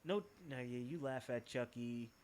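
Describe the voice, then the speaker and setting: A young man with a Boston accent co-hosting a podcast in casual chat, animated and profane, jumping from topic to topic. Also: mid-range voice, moderate pace, a little hiss or hum. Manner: animated, swearing, jumps from topic to topic. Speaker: podcast co-host.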